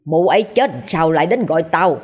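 Woman doing a grumpy old shaman guy, low and rough, snaps at everyone. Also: measured pace, darkish tone. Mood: scornful, angry. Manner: gruff, insulting, low-voiced. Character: ugly scrawny old male village shaman, rude and irritable.

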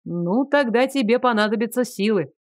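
A woman's voice: fairly high pitch, animated, normal speed, darkish tone, no echo, clean studio sound, close to an everyday voice. A woman reading an audiobook voices a blunt, caring half-orc young woman who offers a drink in short, matter-of-fact lines.

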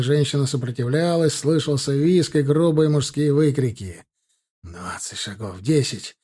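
A male audiobook narrator with a dark, mellow timbre and mid pitch. He tells the story in a measured, scripted delivery. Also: husky.

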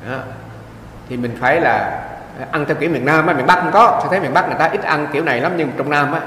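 A man's voice: fairly high pitch, quick pace, a little hiss or hum. Man giving an echoey dharma talk. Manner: lively storytelling, acting out quoted voices. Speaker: monk interpreting a dharma talk. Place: meditation hall. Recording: echoey hall from a distance.

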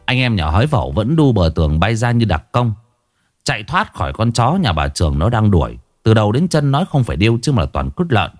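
A man's voice: on the low side, very animated, brisk. A man narrating a comic village story in a vivid storytelling manner.

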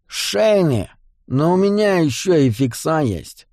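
A man's voice: on the high side, very animated, slow pace, a little mellow, no echo, clean studio sound, heavily acted. A man voicing a nasal, swaggering male goblin smuggler in an audiobook, brash and mocking.

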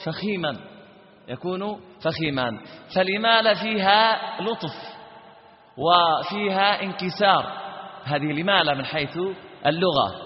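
Libyan man teaching Quran recitation in a reverberant hall. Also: high-pitched. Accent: Libyan Arabic. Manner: asks students questions and answers them himself; drills sounds by repeating and intoning them slowly. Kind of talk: recitation lesson with chanted examples. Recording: dull lo-fi audio with long hall reverb.

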